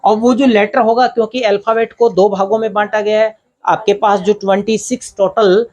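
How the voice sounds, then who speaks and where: A man's voice: sits high, flat delivery, moderate pace, darkish tone. A man with an Indian accent teaching English grammar at a board, asking questions and answering them himself, step by step. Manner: explains step by step, asks and answers his own questions. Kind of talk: blackboard grammar lesson.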